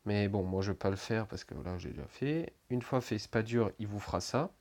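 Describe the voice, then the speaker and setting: Young guy, lowish voice, laid-back how-to narration, rambling and full of filler words, swears now and then. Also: brisk, darkish tone. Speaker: tutorial maker. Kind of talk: casual screen-recording tutorial.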